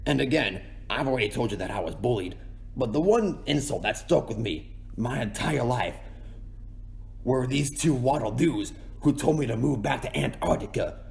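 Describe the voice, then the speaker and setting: Cartoon penguin king, male performer: gravelly mid-pitched voice, folksy and aggrieved, boastful yet self-pitying, rambling ASMR monologue. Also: lively intonation, moderate pace, a little mellow.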